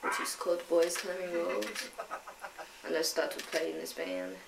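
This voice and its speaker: Speaking with a lowish, steady voice and some vocal fry at a moderate pace, a young Chinese poet and singer reflects in English for a documentary, pausing to find her words. Chinese is her first language; the audio is roomy and distant, with faint noise.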